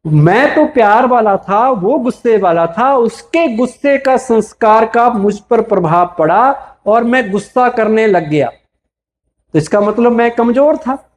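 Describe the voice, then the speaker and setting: Man, Indian accent, high voice, spiritual talk, questions the audience. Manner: asks the audience questions and answers them himself. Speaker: spiritual speaker.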